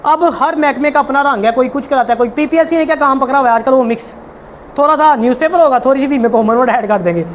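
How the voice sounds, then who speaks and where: A man's voice: very high voice, fast talker, a little hiss or hum. A man, a shorthand teacher giving an informal tutorial. He talks emphatically, repeats his points and coaxes his students directly.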